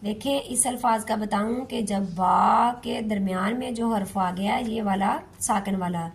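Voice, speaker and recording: A woman teaching Quran recitation to beginners, patiently repeating and stretching each syllable in a slow step-by-step lesson. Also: medium pitch, fairly even intonation.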